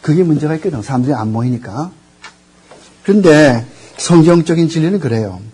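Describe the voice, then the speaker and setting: Husky older man giving a rambling lecture. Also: fairly high pitch, animated, brisk, dark tone. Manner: rambling, gropes for words, quizzes the audience. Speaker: theology lecturer. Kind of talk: classroom lecture.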